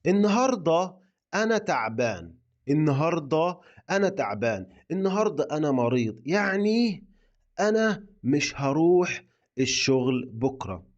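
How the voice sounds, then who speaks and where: A man with an Egyptian accent teaching his dialect, repeating example sentences slowly and clearly for learners. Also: on the high side, sing-song, muffled recording. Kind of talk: slow, repetitive language lesson.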